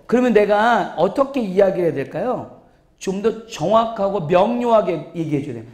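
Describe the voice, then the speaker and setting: A man with a very high, bouncy voice delivers a seminar lecture in an echoey hall. He plays with his delivery, acting out little scenes in funny voices as he teaches. The sound carries the ring of a large room. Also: expressive, moderate pace, a little mellow. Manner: playful, acts out examples in funny voices, laughs often. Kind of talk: lively church seminar lecture.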